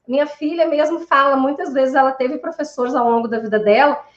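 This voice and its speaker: A woman in casual conversation who explains her ideas thoughtfully and often pauses to hesitate. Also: high voice, steady tone. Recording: echoey muffled room sound.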